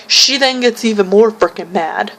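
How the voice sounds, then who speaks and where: A woman's voice: mid-range voice, normal speed. A young woman telling a frustrated story about a customer on her vlog. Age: young adult. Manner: frustrated, animated retelling with quoted voices. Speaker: vlogger.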